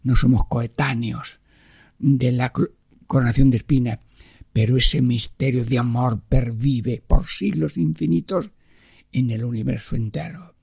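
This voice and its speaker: Male radio preacher with a dark, mellow tone and a dry, close studio sound, halting and devotional, at times hushed to a whisper. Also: mid-range voice, vocal fry, slightly rough, no echo. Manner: halting, with many pauses and fillers; often sinks to a hushed whisper. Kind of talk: devotional radio sermon and prayer.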